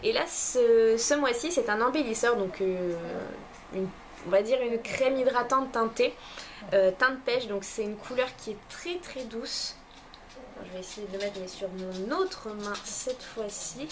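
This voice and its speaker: A woman's voice: a little high, measured pace, slight background noise. A young woman casually reviewing beauty products from a subscription box, hesitant, with many fillers and restarts. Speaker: beauty vlogger.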